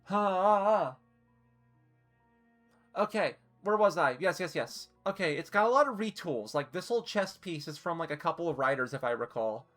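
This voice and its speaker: A woman's voice: sits low, expressive, brisk, few pauses, fairly bright tone, soft background music. A woman live-streaming, chatting casually and swearing freely while she ranks costumes, hiccuping and a little flustered.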